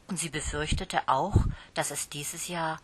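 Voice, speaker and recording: A woman reading a children's story aloud in a calm, slow manner. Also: sits low, slightly rough. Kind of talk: storybook narration.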